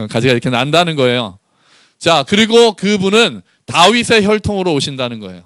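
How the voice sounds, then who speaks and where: A male pastor giving a sermon, asking his congregation questions and slowing down to read scripture aloud together with them. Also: on the high side, sing-song, a bit bright, no echo.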